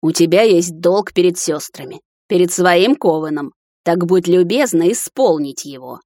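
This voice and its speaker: A woman voicing a cold, imperious middle-aged high witch who speaks calmly and sternly. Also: normal speed, no room sound, studio quality, natural voice. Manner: calm, stern, commanding.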